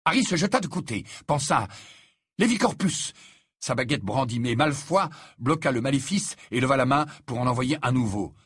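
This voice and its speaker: Male audiobook narrator: husky, expressive, dry sound. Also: medium pitch, fairly quick, few pauses, no room sound. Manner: expressive, dramatic reading. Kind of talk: scripted narration.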